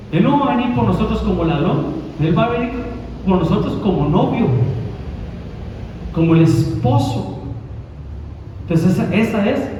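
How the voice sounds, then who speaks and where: A man's voice: high-pitched, warm tone, a little hiss or hum. A man preaching a sermon as pastor, with emphatic repetition, calling his listeners brother. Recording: echoey hall from far off, dull lo-fi sound.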